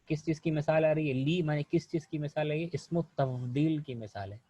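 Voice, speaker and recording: A man's voice: a little high, dark tone, no echo, poor audio. A man from India teaching Arabic grammar, patiently asking questions and answering them himself, with English words mixed in. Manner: patient, repeats questions and answers them, often says "theek hai". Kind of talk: online class explanation.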